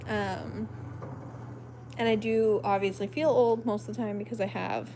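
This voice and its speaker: A woman's voice: medium pitch, steady tone, a little slow, dark tone, slight background noise. A woman in her thirties hosting a casual late-night live stream at home, reading viewer comments in a rambling, apologetic way with lots of "um"s, close to her phone. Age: 30s. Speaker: livestream host. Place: at home at night, lit by a flashlight. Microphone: phone camera held close.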